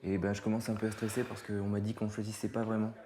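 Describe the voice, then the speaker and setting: A nervous young man in his twenties, polite and hesitant as he asks for help. A man plays him with a somewhat low voice. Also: completely flat delivery, fast, dark tone, close to an everyday voice. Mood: anxious. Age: 20s. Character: anxious young man searching for a voice. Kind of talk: film drama dialogue.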